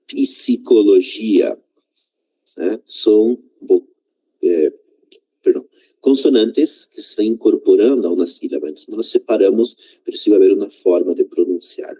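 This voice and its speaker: A man's voice: on the low side, normal speed, dark tone, breathy edge, rough recording. A man whose first language is Spanish, teaching a Portuguese lesson and often slipping Spanish words in, checking in with "né?" and "tá?".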